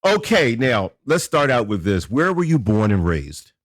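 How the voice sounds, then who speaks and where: A man's voice: mid-range voice, big pitch swings, a little slow, no echo, clean studio sound. A man hosting a podcast interview, playful and teasing with his guest. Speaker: podcast host. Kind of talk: casual interview talk.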